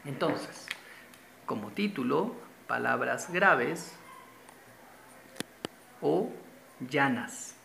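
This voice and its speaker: A man's voice: mid-range voice, lively intonation, extremely slow, creaky, pauses often, sharp tone, slight background noise. A man from Venezuela, teaching a grammar lesson patiently, repeating key terms and pointing at a board. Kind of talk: classroom-style grammar lesson. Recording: roomy echo.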